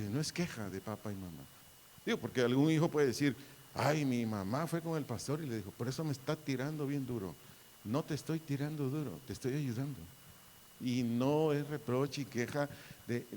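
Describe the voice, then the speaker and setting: A man's voice: fairly high pitch, darkish tone. A middle-aged man with a Mexican Spanish accent preaching a sermon, repeating his phrases and calling on the sons and daughters. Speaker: pastor. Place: church hall. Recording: hall reverb.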